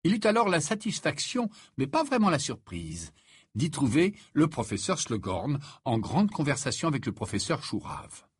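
A man narrating an audiobook in an expressive storytelling manner with a husky voice. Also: a little high, moderate pace, no room sound, studio quality. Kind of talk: scripted narration.

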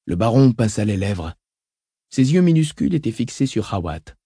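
A man narrating an audiobook in a measured, even reading. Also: fairly low pitch, slightly rough, no echo, clean studio sound.

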